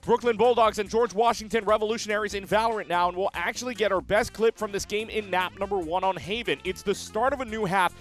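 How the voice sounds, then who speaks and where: A man hosting an esports highlights show, recapping matches with upbeat, quick delivery and playful asides. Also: fairly bright tone. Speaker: host.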